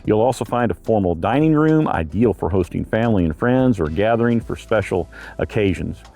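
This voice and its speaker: A man giving a casual real estate tour, walking viewers through homes and neighborhood streets. He talks in a chatty, rambling way, with plenty of fillers. His voice sits on the low side with a gravelly texture. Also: lively intonation, a little fast, dark tone.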